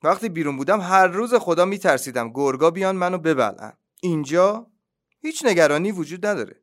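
A man's voice: high-pitched, expressive, fairly bright tone, pitched above the performer's own voice. Contented duck voiced by a man, matter-of-fact, confident, storybook reading. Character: calm, contented male duck living in a wolf's belly.

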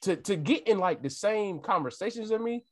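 A man's voice: sits high, animated, moderate pace, darkish tone. A man telling stories casually in slangy talk, constantly addressing his friends as bro. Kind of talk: casual conversational storytelling.

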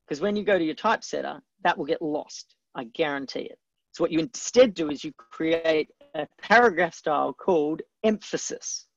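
A man hosts a live teaching webcast, talking emphatically and answering viewers as he goes. His voice has a gravelly edge. The sound is dry and a little dull, with no room around it. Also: on the high side, moderate pace, a bit bright, no room sound. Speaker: webcast host and book coach.

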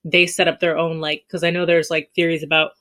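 A woman's voice: deep voice, little pitch movement, a little fast, a bit bright. A woman debating casually on a podcast in an informal, skeptical way.

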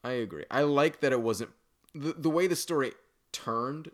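A man's voice: mid-range voice, normal speed. A man co-hosting and producing a podcast, chatting casually about a movie in a teasing, rambling way with lots of fillers. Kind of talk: casual movie-review chat. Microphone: podcast microphone.

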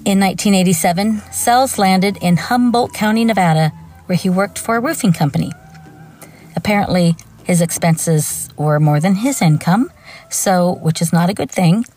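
Woman, lowish voice, true crime narration, scripted but conversational, wry side comments, faint music underneath. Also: normal speed, darkish tone. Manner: informal, wry asides. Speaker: true crime podcast host.

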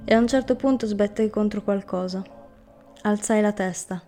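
A woman reading a dark first-person story aloud in a flat, grim narrating manner. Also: mid-range voice, moderate pace. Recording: music bed under the reading. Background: music underneath.

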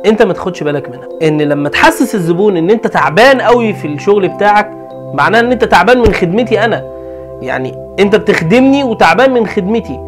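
An Egyptian man gives a brisk, animated lesson on handling customers. His voice sits high and moves quickly, and soft music plays underneath. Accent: Egyptian Arabic. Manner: animated, acts out customer exchanges. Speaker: customer service trainer. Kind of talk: energetic instructional talk.

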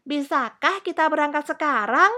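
A woman's voice: lively intonation, normal speed, sharp tone, faint music behind. A woman doing a squealing little princess. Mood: eager. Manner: high, squealing and sing-song. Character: excited little girl princess, eager and whiny.

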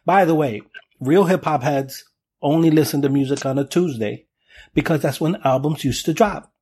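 A man's voice: fairly high pitch, normal speed, a little mellow, breathy edge. A man hosting a casual podcast chat about music, explaining things steadily and steering the talk. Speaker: podcast host.

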